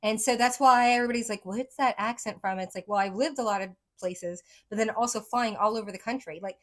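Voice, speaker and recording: A woman's voice: a little high, quick pace, a bit bright. A woman psychic reader talking casually to her viewers, rambling with lots of "like" and "right?", her speech a mix of accents she picked up from many places.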